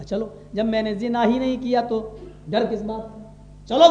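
A male preacher delivering an impassioned sermon, switching between quiet asides and loud, drawn-out recitations. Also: very high voice, muffled recording. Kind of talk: Urdu sermon. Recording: echoey room.

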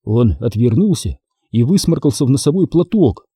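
A man narrating a story in a steady, even audiobook reading. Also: medium pitch, normal speed, slightly rough, dry recording, clean studio sound.

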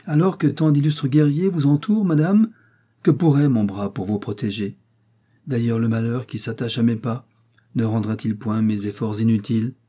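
A man's voice: mid-range voice, steady tone, normal speed, dark tone, husky, close to an everyday voice. A man reading the part of a young knight in love, impassioned and lifting his voice on his pleas. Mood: sorrowful. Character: young knight, ardent and despairing lover. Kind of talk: audiobook reading.

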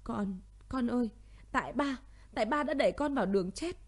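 A woman voicing a middle-aged male general who shouts in anger and then sobs for his child, in a narrated audio story. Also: on the high side, lively intonation, brisk, voice pushed up. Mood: grief-stricken.

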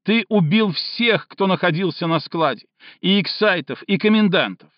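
A man voicing a shrill hysterical young woman. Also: normal speed, no echo, muffled recording, close to an everyday voice. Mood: accusing. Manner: shrill, sobbing, shouting.

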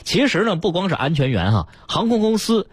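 Male radio host, husky, lively pitch, casual storytelling chat. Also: a little fast, no room sound. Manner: chatty, retells news stories with lots of fillers. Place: radio studio.

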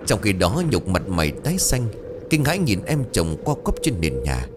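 A man narrating a ghost story with a dramatic, expressive reading. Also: sits low, moderate pace, over music.

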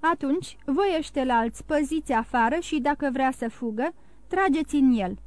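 A woman's voice: high-pitched, animated, no room sound. Woman reading a bossy gendarme corporal. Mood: commanding. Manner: commanding.

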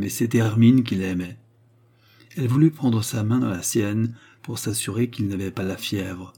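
A man narrating a classic novel as an audiobook, in a calm, measured, literary manner. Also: medium pitch, husky.

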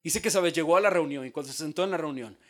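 A male pastor preaching a sermon in a dramatic style, dropping to a hush and then rising to shouts. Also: on the high side, quick pace. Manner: dramatic, acts out quoted voices, swings from hushed to shouted.

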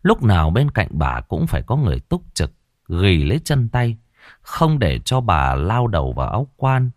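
A man's voice: medium pitch, no room sound, studio quality. Solemn, dramatic male storyteller. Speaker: narrator. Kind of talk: scripted audiobook narration. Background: soft background music.

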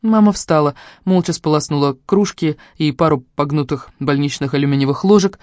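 Expressive woman reading a novel. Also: low voice, brisk, no room sound, studio quality. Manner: expressive, emotional dialogue in the heroine's voice. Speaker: audiobook narrator. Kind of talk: first-person novel narration.

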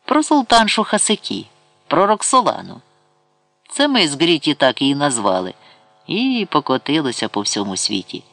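A man's voice: a little high, huge pitch swings, normal speed, gravelly, pushed and bright, no room sound, voice pushed up, exaggerated voice. A man voicing a drunk, arrogant grand vizier who talks in a mocking, brash way in an audiobook. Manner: mocking, brash, then pleading.

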